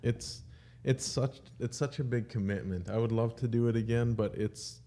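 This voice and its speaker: A man's voice: medium pitch, moderate pace, mellow. A man co-hosting a casual podcast, easygoing and laughing along with short replies.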